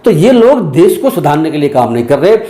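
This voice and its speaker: A man speaking as a former judge in a news interview, indignant and emphatic, firing off rhetorical questions. His voice sits a little high but sounds dark and mellow. The echo of the room is clearly audible. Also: sing-song, brisk.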